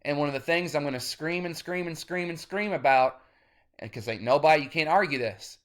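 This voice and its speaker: A man's voice: on the high side, fairly quick. Rambling, cursing man in his thirties. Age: 30s. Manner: rambling, cursing, grows loud and insistent. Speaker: independent musician. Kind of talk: direct-to-camera vlog rant.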